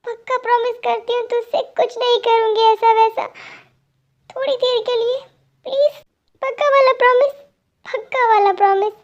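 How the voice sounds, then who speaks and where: A gentle young woman pleads through tears in a very high voice, voiced by a young woman. Her heartbreak colors every line. The home recording sounds dull and lo-fi. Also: fairly even intonation, normal speed. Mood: heartbroken. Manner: tearful, pleading. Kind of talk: dramatic fan-dub voice acting.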